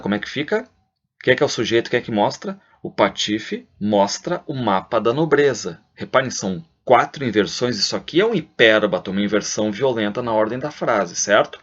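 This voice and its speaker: A man's voice: fairly low pitch, a bit bright, husky. A man with a Brazilian Portuguese accent, a literature teacher going over exam answers in a video lesson, asking questions and answering them himself. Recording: dull lo-fi sound.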